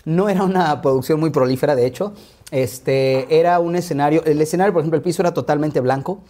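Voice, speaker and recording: A Mexican man in his thirties, speaking with a Mexican Spanish accent, relaxedly tells an interviewer stories from his childhood. He rushes through lively anecdotes very fast, full of asides, in a dark, mellow voice that runs on the high side.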